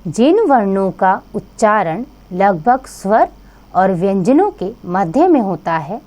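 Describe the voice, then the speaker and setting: A woman teaching a grammar lesson to children, addressing them directly and sounding out each letter slowly. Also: medium pitch, sing-song, dark tone.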